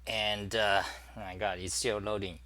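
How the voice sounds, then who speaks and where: A man hosting a casual livestream, demonstrating his computer workflow and greeting viewers, talking haltingly with many fillers and restarts. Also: lowish voice, level tone, bright, forceful tone. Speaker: talk show host. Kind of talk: casual screen-share livestream.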